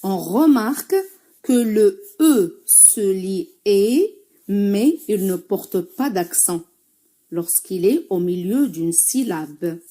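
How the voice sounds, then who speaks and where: A woman teacher with a Moroccan accent giving a French reading lesson, spelling out sounds slowly and carefully, syllable by syllable. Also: mid-range voice, lively intonation, mellow. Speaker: primary school teacher.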